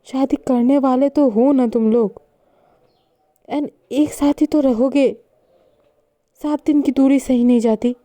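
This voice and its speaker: A woman reads the part of an older grandmother in an audio story, stern and scolding, her voice heavy and darkened. She speaks slowly and carefully, with a dry, close sound. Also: mid-range voice, warm tone, no echo, close to an everyday voice. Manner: scolding, then soothing.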